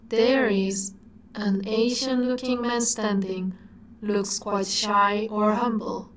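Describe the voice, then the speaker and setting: A woman giving scripted narration in a slow, dreamy way that sometimes drops to a whisper. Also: medium pitch, slight background noise, poor audio.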